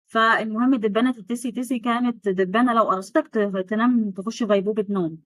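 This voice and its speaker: Fast-talking Egyptian woman teaching German. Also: on the high side, steady tone, a bit bright, no room sound, low-quality recording. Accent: Egyptian Arabic. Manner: chatty, sarcastic asides, drills pronunciation by repeating words slowly. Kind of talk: online language lesson.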